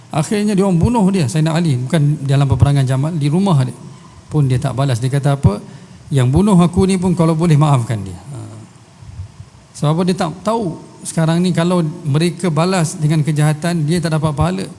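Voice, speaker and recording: A Malaysian Malay man teaching in a mosque, his voice somewhat high and mellow. He recites Arabic lines and tells stories, stopping to put questions to the room. The long hall reverb trails after every phrase. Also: fairly quick. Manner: storytelling, quotes Arabic verses and asks rhetorical questions. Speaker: religious teacher. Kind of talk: mosque lecture.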